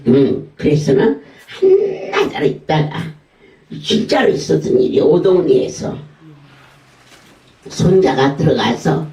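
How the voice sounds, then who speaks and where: Folksy pastor. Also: male voice, fairly high pitch, huge pitch swings, takes it slowly, pauses often, dark tone. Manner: folksy storytelling, mimics voices. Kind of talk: sermon. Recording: echoey room, voice from far off.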